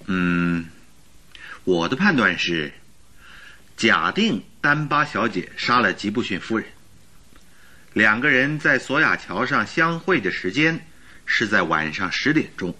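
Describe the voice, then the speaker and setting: A man's voice: on the low side, very animated, a little slow, pauses often, pushed and bright, heavily acted. A man playing an earnest, eager doctor and detective's companion in a radio drama, explaining with emphasis. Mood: earnest, reasoning. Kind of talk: Mandarin radio drama acting.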